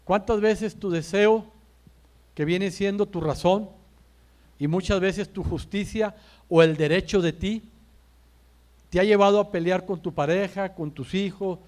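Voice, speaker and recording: A pastor preaching to his congregation in a fairly high-pitched male voice. He builds his points through strings of rhetorical questions and lands each phrase with a pause. He keeps turning to the room and calling his listeners brother. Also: a little mellow. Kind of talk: sermon. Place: church.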